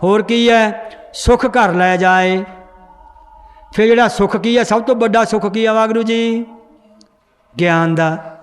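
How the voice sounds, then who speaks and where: High-voiced man teaching in an echoing hall. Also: steady tone, a little slow, long pauses. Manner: quizzes the class and corrects their reading. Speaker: scripture pronunciation teacher. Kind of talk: teaching a recitation class. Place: large hall with a seated congregation. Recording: long hall reverb.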